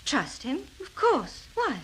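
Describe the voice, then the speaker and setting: A woman's voice: sits high, huge pitch swings, slow pace, slight background noise, full character voice. Bitter, weary freed captive woman. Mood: shaken. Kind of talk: scripted radio thriller acting.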